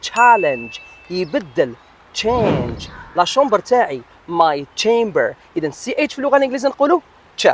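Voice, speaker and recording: A high, lively man's voice, teaching English pronunciation in a casual video lesson. He talks quickly in dialect and then slows right down to spell out each English example. Faint noise sits behind him. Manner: switches between dialect and slow, over-articulated English examples.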